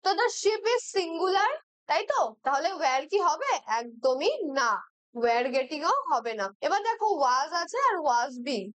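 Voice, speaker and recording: A young woman with a Bengali accent teaches English grammar for exam preparation, patiently explaining each question and often checking in with her students by asking "right?" She speaks slowly in a high voice with big pitch swings and a fairly bright tone, with no echo.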